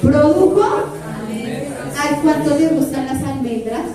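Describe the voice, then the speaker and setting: A middle-aged woman preaching a sermon in a lively way, with playful asides and lists that she half sings. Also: high-pitched, slow, a loud crowd. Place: church hall. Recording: very echoey hall, far from mic.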